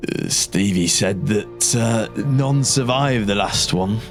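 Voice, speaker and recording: A man's voice: fairly low pitch, slow pace. A man voicing a gossipy, weary guardsman in an improvised tabletop role-play, rambling and grumbling. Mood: dismissive gossip. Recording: music under the voice.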